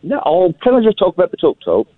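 A man tells a jokey story down the phone, his pitch swinging up and down a lot. The line is dry and tinny, with a narrow phone sound. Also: wildly swooping pitch, fast, no room sound. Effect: heard over a phone line. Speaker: caller. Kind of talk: casual phone-in chat.

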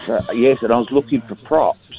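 A man's voice: mid-range voice, a little fast, dark tone, slightly rough. A man on a phone line, chatting in a jokey, storytelling way on a phone-in show. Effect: heard over a phone line. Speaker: caller. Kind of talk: casual phone-in chat. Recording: dry, tinny phone line.

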